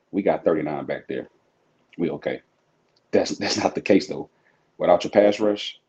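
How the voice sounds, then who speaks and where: A man, a football coach, giving calm, smooth analysis as a podcast guest. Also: low-pitched. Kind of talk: casual sports podcast interview. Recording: slightly dull lo-fi sound.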